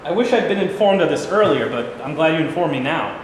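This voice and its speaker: High, animated President Truman read by a man, echoey hall. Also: a little fast, lightly acted. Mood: burdened. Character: President Truman, blunt, exasperated newly informed American leader. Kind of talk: amateur staged reading of a play. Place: indoor hall, staged reading. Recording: very echoey hall, faint noise.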